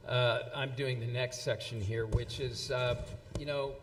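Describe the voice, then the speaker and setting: A man presenting at an event, reading quotations in a halting way with many fillers and restarts. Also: medium pitch, fairly even intonation, fairly bright tone, a little hiss or hum. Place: event hall. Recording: long hall reverb.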